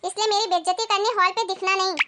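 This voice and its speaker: A woman's voice: extremely high pitch, fairly even intonation, fast talker, noisy background. A woman playing a short-tempered, bossy daughter-in-law in a comedy family skit, scolding sharply and sarcastically. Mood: harsh.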